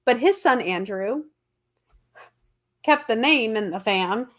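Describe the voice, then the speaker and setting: A woman with a fairly high, expressive voice and a fairly bright tone talks slowly, her nose stuffy and congested from allergies. She's a podcast host telling history in a chatty, informal way, full of slang and emphasis.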